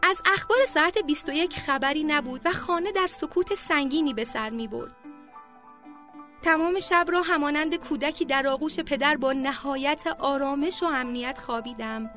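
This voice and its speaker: High-voiced woman narrating a memoir. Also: fairly bright tone. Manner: heartfelt, measured reading. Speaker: storyteller. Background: faint music.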